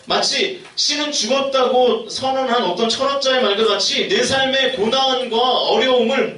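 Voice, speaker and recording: A man's voice: very high voice, bright, forceful tone. A young man preaching a sermon as a youth pastor, putting questions to the congregation. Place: church sanctuary. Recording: echoey hall, mic heard from a distance.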